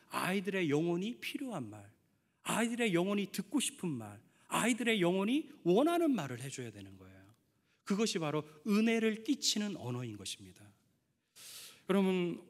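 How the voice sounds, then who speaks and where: A middle-aged male pastor preaching an emphatic sermon, putting questions to the congregation and telling stories from his family. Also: fairly high pitch. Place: church sanctuary. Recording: long church hall reverb.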